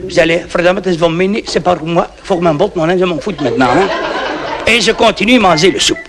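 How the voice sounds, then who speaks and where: A man's voice: sits high, a little fast, crowd noise. A man doing a blustering Flemish farmer. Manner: broken French studded with Flemish oaths, constant "hein". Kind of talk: cabaret comic monologue. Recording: old 1960s record with music.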